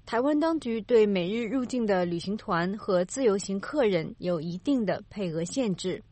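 Female news reporter, formal and measured, with a mid-range voice and a dry studio sound. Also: medium pitch, lively intonation, dark tone, no room sound. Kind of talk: scripted news narration.

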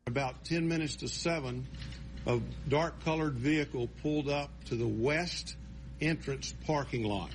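An American man speaking as a police spokesman at a briefing, giving a matter-of-fact, step-by-step account. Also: mid-range voice. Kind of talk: press briefing. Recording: faint background noise.

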